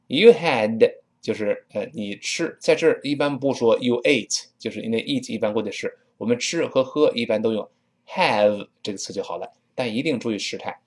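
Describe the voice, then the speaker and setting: A man teaching English pronunciation, spelling words out slowly and repeating phrases for students to copy. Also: on the low side. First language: Chinese. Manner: drills phrases slowly, spells letters aloud, models pronunciation. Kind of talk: spoken English pronunciation lesson.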